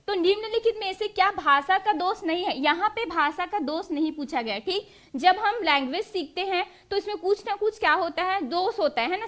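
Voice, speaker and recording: A young woman teacher with a high, fairly bright voice runs an exam-prep lesson. She drills the class with quiz-style questions and then answers them herself.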